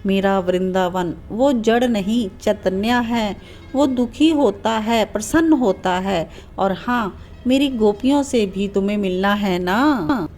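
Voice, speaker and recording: A woman's voice: medium pitch, slow pace, darkish tone, close to an everyday voice. Woman voicing tender young god Krishna. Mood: urgent. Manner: tender, pleading, emotional. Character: young male god Krishna, loving and tearful.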